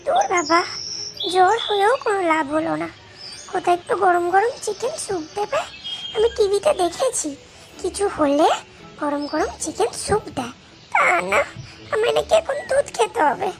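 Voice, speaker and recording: A woman's voice: very high-pitched, lively intonation, normal speed, vocal fry, full character voice. A whiny cheeky little girl. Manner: whining, sulky muttering, fake crying. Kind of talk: Bengali cartoon voice acting. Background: background music.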